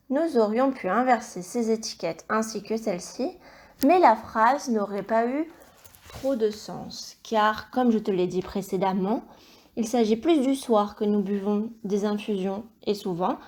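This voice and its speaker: Woman teacher, fairly high voice, slow and deliberate, patient, spells out every sound for young kids. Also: darkish tone. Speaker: primary school teacher. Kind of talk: slow, clearly articulated dictation lesson.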